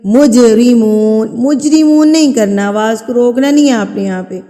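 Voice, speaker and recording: Woman teaching tajweed, patient, keeps repeating terms and asking ok?, slow recitation, kinda high voice. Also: dark tone, big-room sound. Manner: explains patiently, repeats terms, checks with questions.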